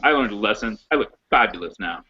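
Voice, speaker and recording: A man's voice: lively intonation, fast talker, highs cut off, a crowd in the background. A man playing a tabletop game, joking with the table. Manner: joking, wildly swinging pitch. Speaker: player.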